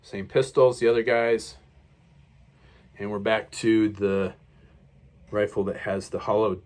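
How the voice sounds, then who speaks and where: A man's voice: fairly low pitch, steady tone, a little slow, a little mellow. A man casually reviewing action figures while he unboxes them, rambling along with many fillers and self-corrections. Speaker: toy reviewer.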